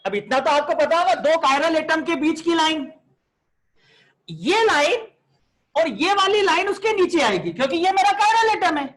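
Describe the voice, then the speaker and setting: Very high-voiced man teaching chemistry. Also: sing-song, measured pace, a bit bright. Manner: chatty, coaxing, scolds students by name, mixes in English terms. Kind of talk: online class lecture.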